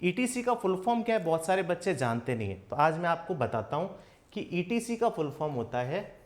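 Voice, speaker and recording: A man teaching English grammar in a coaching class. He keeps asking questions and answering them himself, and he says his English examples slowly. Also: on the high side, big pitch swings. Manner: slow, spelled-out English examples. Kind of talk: classroom lesson.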